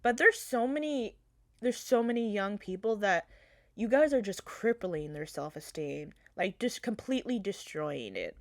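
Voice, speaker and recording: Female podcast host, young, animated and profane, close dry mic. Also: medium pitch, normal speed, no room sound. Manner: animated, swears freely, laughs and trails off mid-thought. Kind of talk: casual solo podcast rant.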